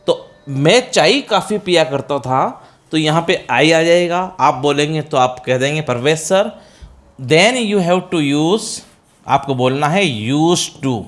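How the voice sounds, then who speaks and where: A middle-aged Indian-accented man gives a classroom-style spoken English lesson, breaking things down step by step. He addresses students as "beta," poses questions only to answer them himself, and his voice is a little high.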